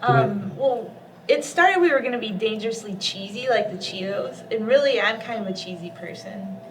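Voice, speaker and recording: A woman's voice: medium pitch, lively intonation, normal speed, slight background noise. Giggly woman, far from the mic. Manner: giggly, playful. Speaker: band member. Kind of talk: casual chat.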